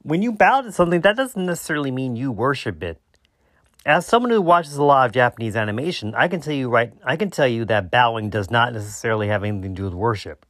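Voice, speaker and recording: A man hosting a solo debunking podcast, explaining his points haltingly and often rewording himself mid-sentence. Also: mid-range voice, expressive, a bit bright, no room sound, studio quality. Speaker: podcast host.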